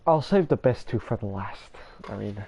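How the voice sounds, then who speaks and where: A man's voice: fairly low pitch, expressive, normal speed, vocal fry, warm tone, husky. A man casually commenting over a video game, rambling and self-deprecating as he talks to viewers. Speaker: gamer showing his builds.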